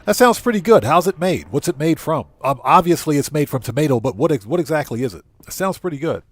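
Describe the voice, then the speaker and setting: The voice is a man's, fairly high and quick, with lively intonation and no echo. He's the host of a livestream, playing a game while chatting informally, thinking aloud, and reading chat and on-screen text.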